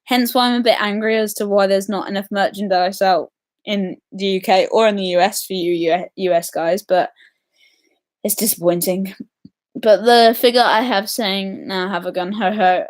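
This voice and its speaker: A woman hosting a casual live stream, chatty and excitable, answering viewer comments with lots of ums. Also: mid-range voice, normal speed. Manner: chatty and excitable, many ums, reacts to comments as they come.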